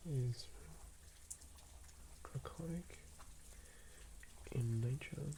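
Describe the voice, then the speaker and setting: Whispering Australian man, gravelly and soft. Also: medium pitch, very slow. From southern Australia. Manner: soft whisper, musing and rambling. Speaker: ASMR creator building a game character. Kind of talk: whispered ASMR. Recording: noisy ambient background.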